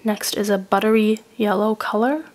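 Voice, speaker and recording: A woman narrates a makeup review while still getting over a cold. She works through each shade in a steady, methodical way. Her tone is descriptive and even. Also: mid-range voice, moderate pace. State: recovering from a cold. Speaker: beauty reviewer.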